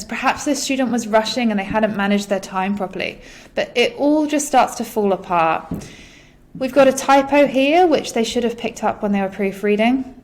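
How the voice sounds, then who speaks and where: A young woman talks students through exam writing as a teacher. Her advice is direct and encouraging, with pauses and "um"s as she goes. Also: on the high side. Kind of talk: explanatory lesson voice-over.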